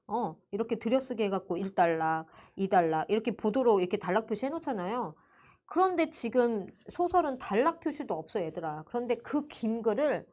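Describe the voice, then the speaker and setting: A woman teaching a live online literature class, chatty and playful as she teases her students. Her pitch swings up and down in lively jumps. Her casual, quick back-and-forth keeps the class moving. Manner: chatty, teasing, lively, quizzes students by name. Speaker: Korean literature tutor. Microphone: computer mic for a livestream.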